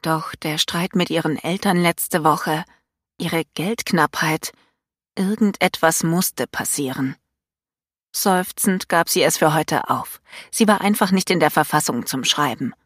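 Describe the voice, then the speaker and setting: A woman reading a novel aloud as narrator, in calm, even storytelling. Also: low voice, measured pace, no room sound, studio quality. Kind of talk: scripted audiobook narration.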